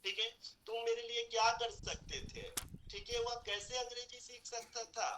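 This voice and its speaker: Guy teaching english grammar in a class, keeps calling students beta, goes over each sentence slow and coaxing. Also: very high voice, little pitch movement, background noise. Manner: calls students "beta", repeats example sentences slowly word by word; coaxing, urges practice and hard work. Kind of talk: online language class explaining grammar.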